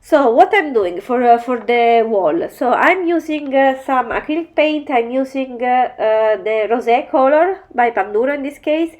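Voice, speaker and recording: A woman with a bad cold, her voice nasal, talking through a mixed media art tutorial in halting, step-by-step English. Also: high-pitched, lively intonation, darkish tone. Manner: halting, explains each step in non-native English. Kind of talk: voice-over craft tutorial narration.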